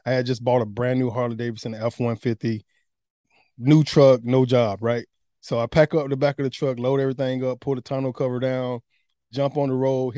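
Man telling a story, mellow voice. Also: medium pitch, no echo, studio quality. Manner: animated, candid, conversational. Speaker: guest. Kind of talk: casual storytelling.

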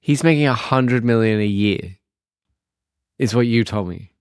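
A man's voice: medium pitch, a little slow, clean tone, no room sound. A man co-hosting a podcast, chatting casually with dry teasing remarks and swearing. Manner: sardonic, swears, teasing interjections. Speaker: podcast co-host. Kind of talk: casual chat.

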